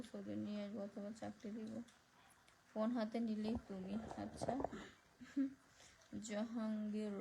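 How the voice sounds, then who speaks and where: A woman with a Barishal Bengali accent hosting a casual phone live stream, speaking softly because of neck pain as she reads out viewer comments and thanks people by name. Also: medium pitch, slight background noise, low-quality recording.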